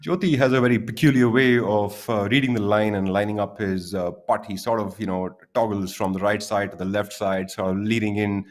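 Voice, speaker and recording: A man delivers live golf commentary. His voice sits a little lower than average. He phrases things politely and formally, describing play in a measured way. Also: steady tone.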